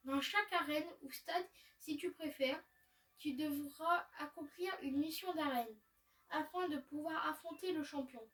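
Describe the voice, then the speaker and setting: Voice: high-pitched, unhurried, a bit bright, distant mic. A gamer reading aloud a polite receptionist who explains the rules of a video game tournament. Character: polite formal league receptionist.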